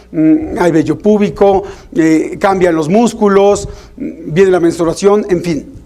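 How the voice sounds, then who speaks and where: A man with a Mexican accent, a parent himself, giving an informal, animated talk to parents about teenagers. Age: adult parent. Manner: animated, acts out parents and teens in higher voices. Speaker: parenting speaker.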